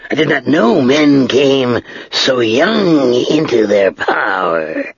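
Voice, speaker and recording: A vast old dragon, sly and mocking, dragging every word out slowly and rising high in taunts, as a man puts him on. The voice is gravelly and husky. The recording sounds slightly dull. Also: very animated, no room sound, exaggerated voice. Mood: taunting. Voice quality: slow drawn-out, taunting. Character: ancient huge male dragon, sly, mocking.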